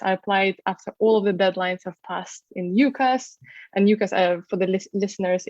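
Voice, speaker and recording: A woman's voice: medium pitch, a little mellow, no echo, lo-fi sound. A young woman from Ukraine, a guest on an interview, talking in a chatty way with many fillers. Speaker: guest, travel content creator and tour guide. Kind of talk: casual interview conversation.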